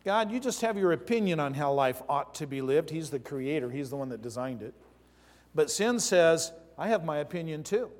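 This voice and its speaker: Male pastor, sermon delivery, emphatic storyteller, reverberant sanctuary sound. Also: a little high. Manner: storytelling preacher, emphatic, swings from loud to soft. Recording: long hall reverb.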